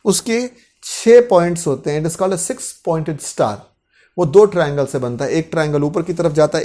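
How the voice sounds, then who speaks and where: A man's voice: on the high side, darkish tone. A man with an Indian accent teaching English vocabulary in a classroom-style lesson, carefully repeating each word twice for pronunciation practice.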